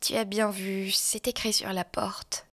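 A woman's voice: mid-range voice, level tone, a little slow, bright, forceful tone. A woman voicing a sick, tearful young woman who speaks in breathless, emotional pleas, in a storybook reading. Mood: weary.

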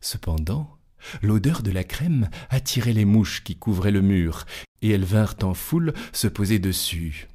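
Male storybook narrator; low, unhurried, animated delivery. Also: breathy edge. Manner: lively, expressive storytelling. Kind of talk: storybook reading aloud.

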